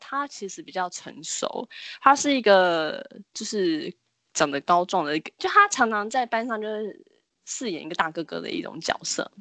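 Lively woman telling a story, dry close sound. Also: medium pitch, moderate pace, dry recording. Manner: animated storyteller, acts out the people she quotes with sudden shrieks. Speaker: podcast co-host telling a ghost story. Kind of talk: casual storytelling chat.

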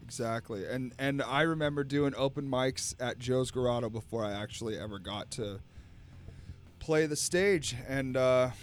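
Relaxed male co-host, affirming and chatty; light music bed. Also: medium pitch, normal speed. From Arizona, USA. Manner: affirming, easygoing, says "absolutely" a lot. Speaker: podcast co-host. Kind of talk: casual chat.

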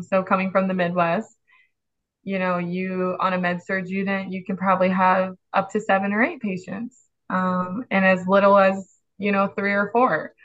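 A woman nurse from the Chicago area, explaining her work in a measured, steady way in a casual podcast conversation. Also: mid-range voice, muffled recording. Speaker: nurse guest.

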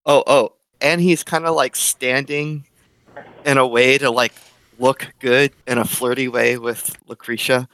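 A man's voice: medium pitch, fairly even intonation, measured pace, a bit bright, clean tone, no room sound, poor audio. A man playing a tabletop game, amused as he describes his character. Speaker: player.

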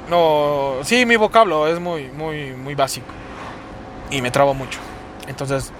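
A man's voice: on the high side, fairly bright tone. Young Mexico City guy, foul-mouthed podcast host, recorded while driving with faint road noise. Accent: Mexico City Spanish. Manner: rambling, profane, sing-song delivery. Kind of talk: casual solo podcast monologue. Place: inside a car while driving. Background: car and road noise.

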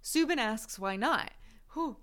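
A woman's voice: on the high side, animated, slow, noisy background. A woman co-hosting a casual podcast, reading out a plot recap and often breaking into giggles. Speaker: podcast co-host recapping a drama.

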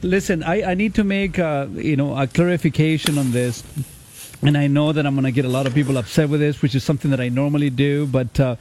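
Chatty, higher-voiced male radio host. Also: fairly even intonation, fast talker, darkish tone, a little hiss or hum. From Chile. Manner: laughs often, many filler restarts. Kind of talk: casual radio talk.

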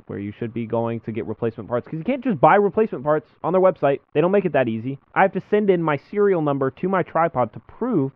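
A man's voice: fairly high pitch, big pitch swings, fast talker, hardly any pauses, no echo. A young man hosting a podcast in a casual, chatty style. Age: young adult. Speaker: podcast host. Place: small school room, indoors. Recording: muffled phone-like audio, dry.

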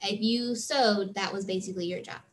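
A woman with a slightly high-pitched voice, a freelance theater tour manager, answers interview questions chattily and earnestly, using lots of fillers. Her tone is steady and her pace moderate.

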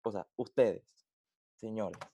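A man's voice: fairly low pitch, slow, warm tone, husky. A man arguing football on a call, exasperated and insistent, repeating himself to make his point. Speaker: football debate panelist. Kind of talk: heated casual debate.

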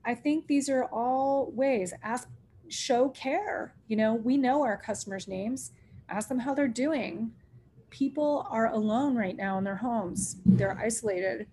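The recording carries a faint hiss or hum as a middle-aged restaurant owner, unhurried, with a fairly high pitch and dark tone, recounts stories in an interview. She frequently laughs and acts out the lines of people she quotes.

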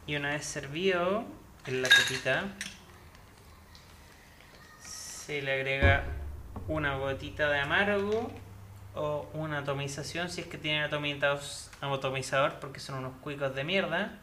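A man's voice: a little high, unhurried, pushed and bright, slight background noise. A young man with a Chilean accent hosting a casual cocktail show, explaining the recipe with crude jokes. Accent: Chilean Spanish. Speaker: host mixing cocktails.

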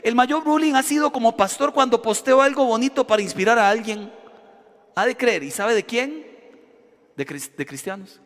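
A man preaching a sermon as a pastor, animated and acting out shouting crowds. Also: extremely high pitch, moderate pace. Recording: long hall reverb.

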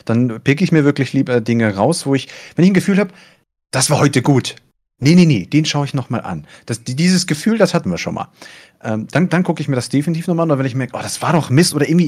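A man who commentates esports, chatting casually and letting his voice deliberately rise and fall as he talks. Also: a little mellow, husky. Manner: deliberately rises and falls in pitch while telling. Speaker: esports caster. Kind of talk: casual podcast chat.

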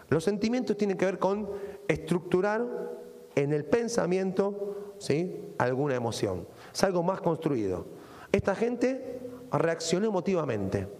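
A middle-aged man with an Argentine accent delivers a sermon in a fairly high, sharply rising and falling voice. He keeps pulling his listeners in with little rhetorical questions. A long hall reverb trails after his words. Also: gravelly, darkish tone. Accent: Argentine Spanish. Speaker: pastor.

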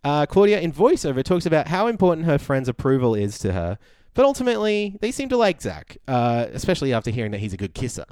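An Australian man chats casually as a podcast co-host, recapping with informal, slangy banter. His mid-range voice moves around in an animated way and sounds smooth and clear. The recording is close and dry. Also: on the high side, quick pace, dry recording.

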